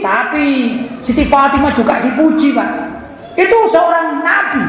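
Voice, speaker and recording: A woman giving a religious lecture, quizzing her listeners and acting out quoted dialogue. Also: sits high. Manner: animated, quizzes the audience and acts out quoted dialogue. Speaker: preacher. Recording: echoey hall with long reverb.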